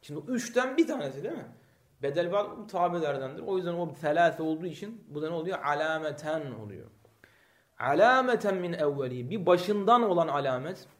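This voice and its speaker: A man teaching a grammar lesson, reading short Arabic lines and explaining them step by step while asking the class questions. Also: high-pitched.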